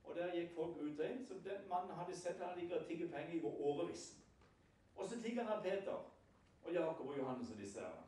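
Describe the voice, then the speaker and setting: Man, sermon, storytelling preacher, rhetorical questions, higher-pitched voice, heavy hall echo. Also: animated, warm tone. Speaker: lay preacher. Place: prayer house hall. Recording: very echoey hall, far from the mic.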